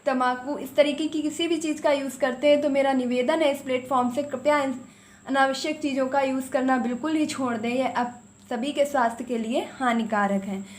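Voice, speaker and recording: A woman with a high voice teaching an exam-prep vocabulary lesson. She rattles through word lists and repeats the important ones for emphasis. She speaks straight to her viewers in a firm, coaxing way. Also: steady tone. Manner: drills words in quick lists, repeats key items for emphasis.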